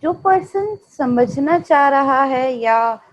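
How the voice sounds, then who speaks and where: A woman's voice: high-pitched, lively intonation, slow pace, a little hiss or hum, rough recording. A woman with an Indian accent giving an explanatory lecture, mixing in English terms and often checking in with "right?".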